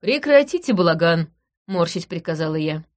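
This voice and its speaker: A woman reading an audiobook in the first person, in a brisk, dry and commanding manner. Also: lowish voice, big pitch swings. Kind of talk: audiobook narration.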